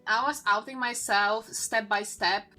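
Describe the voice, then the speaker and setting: A woman of twenty-one from Poland, a native Polish speaker with a Polish accent, talking as a podcast guest in a halting way, restarting phrases and searching for words. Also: medium pitch, steady tone, bright, forceful tone. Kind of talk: casual podcast chat.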